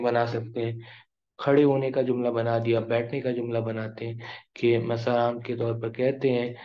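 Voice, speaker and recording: Man teaching Arabic grammar slowly. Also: medium pitch, a little mellow. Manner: slow, drawn-out pronunciation of example words. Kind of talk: classroom lesson, explaining at a board. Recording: dull lo-fi recording.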